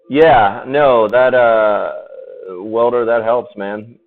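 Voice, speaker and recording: A man paints during a live stream, chatting casually with viewers, laughing often and swearing freely as he answers them. His medium-pitched voice is steady in tone and extremely slow. The audio is tinny and phone-like, with faint music.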